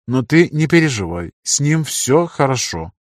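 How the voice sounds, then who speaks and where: A man voicing a pompous, hot-tempered senior adviser to an emperor who bosses people around and flies into loud rages. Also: mid-range voice, very animated, normal speed, no echo, clean studio sound, close to an everyday voice. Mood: friendly. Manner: shouting, bossy, easily outraged.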